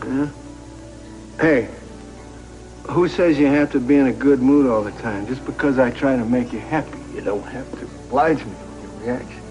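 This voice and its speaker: An actor playing a kind man who gently reassures and cheers up a friend in a television soap opera. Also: medium pitch, normal speed, lo-fi sound, lightly acted. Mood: tender, encouraging. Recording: background music under dialogue.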